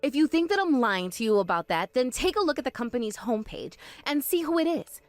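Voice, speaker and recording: A sharp-tongued young woman speaks firmly and with dry exasperation, as a woman voices her. Her voice sits high and moves a lot. It is close and dry, with faint music behind. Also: very animated, fairly quick, dry recording. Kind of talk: animated story voice acting.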